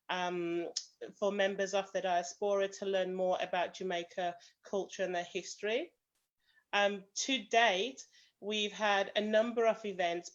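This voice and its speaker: A British woman with a mid-range voice speaks as a panel guest on a video call, where she is the association president. Her talk is prepared but full of "um" fillers and hedges like "kind of," and the audio has its highs cut off.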